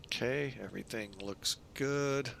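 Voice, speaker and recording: A man's voice: a little slow, gravelly, a bit bright. A man giving casual commentary as a flight simulator streamer. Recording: faint low cockpit rumble behind voice.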